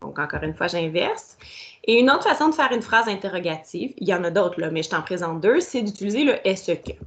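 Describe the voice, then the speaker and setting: A woman's voice: on the low side, sing-song, fairly quick, fairly bright tone. A woman teacher, explaining a grammar lesson step by step and speaking directly to the pupil. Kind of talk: recorded grammar lesson for children.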